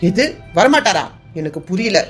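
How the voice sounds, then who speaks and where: A woman's voice: mid-range voice, expressive, moderate pace, faint music behind, lightly acted. A woman voicing a hot-tempered young man in a cartoon serial, who speaks in a bitter, accusing way while grieving his father.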